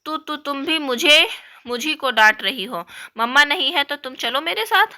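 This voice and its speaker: A woman's voice: fairly high pitch, unhurried, pushed and bright. A woman doing a sobbing, stammering young girl. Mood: tearful. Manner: tearful, stammering.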